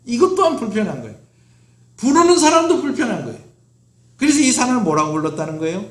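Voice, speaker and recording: A man's voice: very high-pitched, sing-song, fast talker. A middle-aged man preaching a sermon as pastor, asking the congregation questions and answering them himself. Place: church sanctuary. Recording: roomy church echo.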